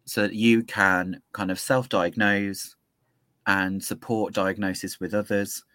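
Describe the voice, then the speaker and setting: Hesitant, thoughtful lower-voiced man. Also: flat delivery, slow pace, a bit bright, dry recording. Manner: thoughtful, hesitant, many ums. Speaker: podcast co-host. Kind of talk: casual podcast discussion.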